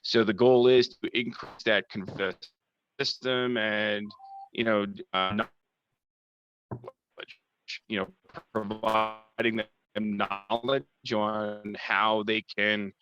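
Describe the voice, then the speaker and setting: A man presenting in a business meeting over a video call from outdoors, his speech halting and choppy as the connection breaks up. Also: on the low side, level tone, fairly bright tone, clean tone. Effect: choppy breaking-up video call audio. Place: outdoors at a scenic canyon. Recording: dull lo-fi video call sound.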